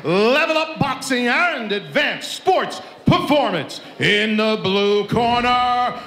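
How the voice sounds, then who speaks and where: Like a boxing ring announcer, a man introduces fighters in a very high, bright, expressive voice with a forceful tone. He stretches out each name ceremonially over an echoey arena public address system.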